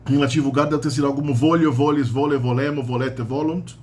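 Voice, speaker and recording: A man's voice: medium pitch, fairly even intonation, fairly quick, darkish tone, slight background noise. A man with a Brazilian Portuguese accent giving a casual spoken grammar lesson, explaining step by step with frequent "né?" and "tá?" tags. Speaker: language teacher.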